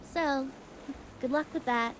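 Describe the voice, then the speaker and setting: An actress playing a sharp-witted, sardonic adventurer in a video game, dry and teasing. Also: female voice, high-pitched, takes it slowly, noisy background. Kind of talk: scripted adventure game dialogue.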